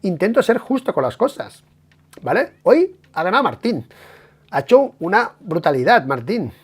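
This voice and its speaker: A man with a Spain Spanish accent, giving a casual, emphatic live stream analysis of a motorcycle race, swearing and tagging his points with quick questions. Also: high-pitched, slightly rough. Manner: animated, emphatic, swears, many tag questions.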